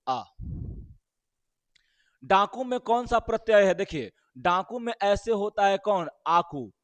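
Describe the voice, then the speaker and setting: A man's voice: high-pitched, smooth, no room sound. A male teacher, walking through exam questions and quizzing his listeners with rhetorical questions.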